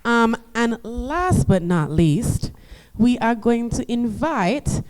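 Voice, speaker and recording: A woman hosting a conference session who introduces each speaker with a joke. She talks slowly, her voice is smooth and clear, and her pitch sits a little high. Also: expressive, a little mellow. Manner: playful, jokey. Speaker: session host. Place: conference hall.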